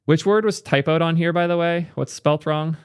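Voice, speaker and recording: A young man giving casual, opinionated commentary as a tech streamer, thinking aloud with quick asides. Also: fairly high pitch, fairly even intonation, smooth, dry recording, studio quality. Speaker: tech streamer reacting to clips.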